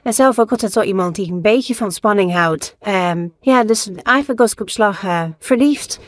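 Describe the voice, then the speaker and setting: A woman in her early thirties gives a hesitant personal testimony, pausing on fillers, her voice disguised with AI. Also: mid-range voice, no room sound, studio quality. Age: early 30s. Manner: hesitant, many fillers and restarts. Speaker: anonymous interviewee.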